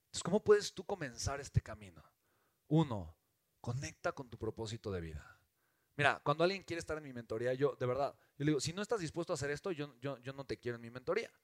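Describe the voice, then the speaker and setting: A man with a Mexican accent giving an animated, emphatic motivational talk as a business mentor, often asking rhetorical questions. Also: mid-range voice, fast talker, dry recording. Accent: Mexican Spanish.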